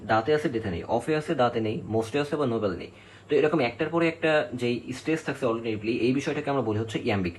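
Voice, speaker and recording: A man's voice: medium pitch, a little hiss or hum, low-quality recording. A male literature teacher giving an exam-prep lecture, explaining step by step, counting syllables aloud and often checking in with his students.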